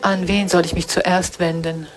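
A woman's voice: on the low side, level tone, normal speed, crowd noise, rough recording. A woman interpreting a speech live, hesitant and full of fillers and restarts.

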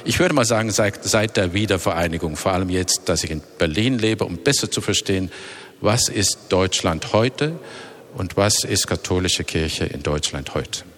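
A man in his fifties speaks German with a Dutch accent, his voice very low. He answers interview questions slowly and reflectively, often searching for words and restarting phrases. A long reverb trails behind each phrase. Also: expressive, fairly bright tone. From Netherlands.

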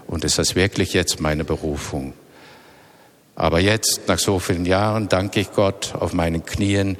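A man in his fifties speaks German with a Dutch accent, his voice very low. He answers interview questions slowly and reflectively, often searching for words and restarting phrases. A long reverb trails behind each phrase. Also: steady tone. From Netherlands.

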